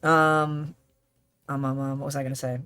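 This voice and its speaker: A woman's voice: rumbling low, little pitch movement, normal speed, fairly bright tone, clean tone, soft background music. A woman in her thirties streaming a game, chatting in a rambling, casual way and swearing freely. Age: 30s.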